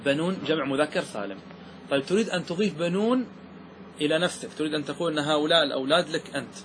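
A man teaching grammar, asking the class questions and slowing down to stress key words. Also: a little high, background noise. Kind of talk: classroom lesson explaining verse.

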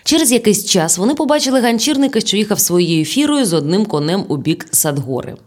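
A woman narrating an audiobook in a lively storytelling manner. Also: medium pitch, fairly quick.

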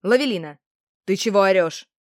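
A woman voicing a gruff male city guard from a storybook, speaking through the nose and barking orders. His voice comes out loud and blustering. The recording is close and dry. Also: medium pitch, lively intonation, fairly quick, no room sound, natural voice. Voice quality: nasal.

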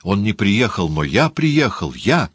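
Audiobook role: a male reader as a desperate Jesuit priest, shaky and deep-voiced. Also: very animated, unhurried, fairly bright tone, slightly rough, dry recording, full character voice. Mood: pleading. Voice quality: trembling. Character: older Jesuit priest, distraught and pleading. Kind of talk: audiobook character reading.

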